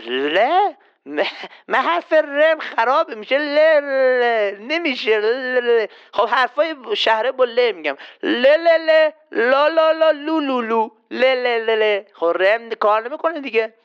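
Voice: medium pitch, expressive, clean tone, dull audio, close to an everyday voice. Agha Morad, a silly man who can't say R voiced by a performer. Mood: petulant. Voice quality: says L in place of R. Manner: childish, whiny, easily offended. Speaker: quiz contestant. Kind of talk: children's quiz show skit.

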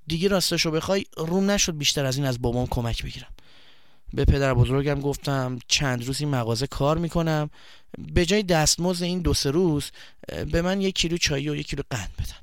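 A man voicing a shy, embarrassed boy who speaks softly and hesitantly, with halting stammers. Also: fairly high pitch, clean tone, dry recording, studio quality, pitched below the performer's own voice, lightly acted. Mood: ashamed. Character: shy, embarrassed young boy, soft-spoken.

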